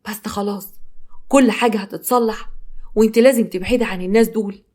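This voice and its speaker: A woman doing a hushed, tender imprisoned mother. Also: medium pitch, quick pace, natural voice. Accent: Egyptian Arabic. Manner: soft, hushed and comforting.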